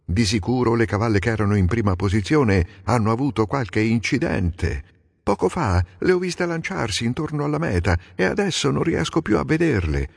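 A proud older king talks in a raised, testy voice, as a man puts him on for an audiobook. His pitch climbs and falls a great deal. Each phrase leaves a long reverb tail. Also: very animated, moderate pace, creaky, breathy edge, heavily acted. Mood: uncertain. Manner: peering, uncertain, then testy. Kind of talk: dramatic audiobook reading.

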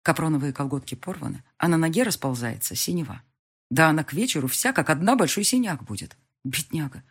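A woman reading a first-person audiobook in a husky, somewhat breathy voice. She sits fairly low in pitch but moves her intonation around a lot. The storytelling is expressive. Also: a little fast. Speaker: audiobook narrator.

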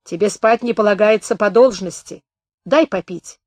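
Woman putting on a hoarse gruff wounded soldier, blunt and demanding, dry close recording. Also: medium pitch, normal speed, darkish tone, dry recording, close to an everyday voice. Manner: blunt, rough commands.

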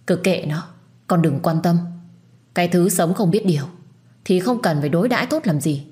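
Woman doing a shrill scolding mother-in-law. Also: normal speed, dark tone, natural voice. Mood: scornful. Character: sharp-tongued scornful middle-aged mother-in-law.

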